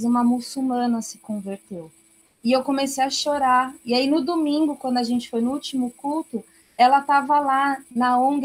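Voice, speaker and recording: A woman missionary telling a lively testimony, acting out the voices in her story. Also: sits high, rough recording. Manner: animated, acts out her own lines. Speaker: missionary guest.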